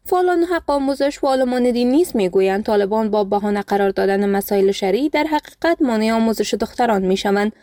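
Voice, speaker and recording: A woman with an Afghan Dari accent reading a scripted radio news report in an even, formal manner. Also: fairly high pitch, few pauses, no echo, clean studio sound. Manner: even, formal read delivery. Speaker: news reader. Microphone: studio mic.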